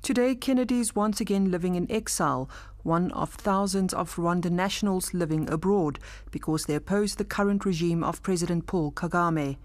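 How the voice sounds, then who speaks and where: A woman reading scripted documentary narration in a measured, formal way. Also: fairly low pitch, no room sound. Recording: voice-over with music beneath.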